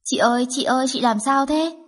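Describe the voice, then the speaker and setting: A woman's voice: high-pitched, fairly quick, pitched above the performer's own voice. Woman doing a frightened little girl. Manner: pleading, childlike. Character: frightened tearful little girl, clingy and sweet. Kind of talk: audiobook dialogue.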